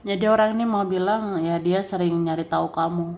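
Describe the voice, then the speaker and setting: A woman giving a general tarot reading straight to the listener in a relaxed, chatty way, with many fillers and soft laughs. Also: lowish voice, a little fast. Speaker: tarot reader.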